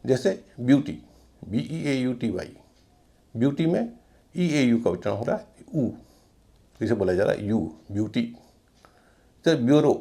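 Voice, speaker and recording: A man teaching English pronunciation, slowly spelling out words letter by letter and repeating each one. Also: mid-range voice, gravelly, warm tone.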